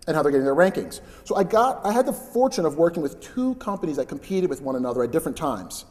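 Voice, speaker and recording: Conference speaker, male, loud and chatty, reverberant hall. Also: a little high. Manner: loud, chatty, invites interruptions. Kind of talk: live conference presentation.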